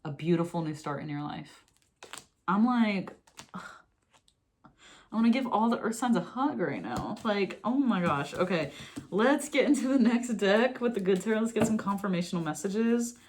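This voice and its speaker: A young woman giving a casual tarot reading, excitable and gushing, often breaking into laughter. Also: medium pitch, moderate pace, slight background noise. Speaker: tarot reader.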